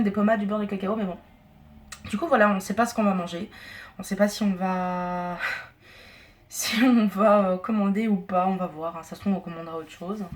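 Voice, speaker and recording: A woman's voice: medium pitch, darkish tone. Chatty woman vlogging at home. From Turkish family. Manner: chatty, rambling, many fillers. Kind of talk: casual vlog chat. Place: home and outdoors, on the move.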